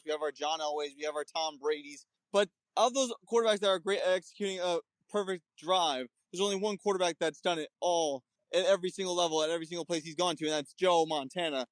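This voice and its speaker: High voiced jersey-area guy debating football, confident and jokey, dry sound. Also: no room sound. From New Jersey area, USA. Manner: confident, playful arguing. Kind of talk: debate argument.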